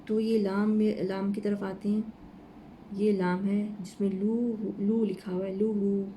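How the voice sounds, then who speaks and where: A woman giving an informal Quran lesson, walking slowly through the letters of each verse. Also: medium pitch, little pitch movement, mellow, slight background noise. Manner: slow, explaining letter by letter. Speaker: Quran teacher.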